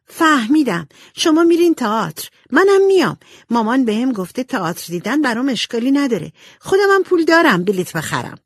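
A spoiled, vengeful little girl with a high, childish whine, put on by a woman reading aloud. Her pitch leaps and dips constantly, and the voice is dry and close. It is a storybook performance. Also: expressive, a little mellow, no echo. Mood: whiny.

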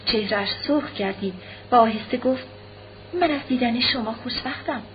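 Brief: measured female audiobook narrator, fairly high voice, muffled recording with faint hiss. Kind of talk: audiobook reading of a classic novel.

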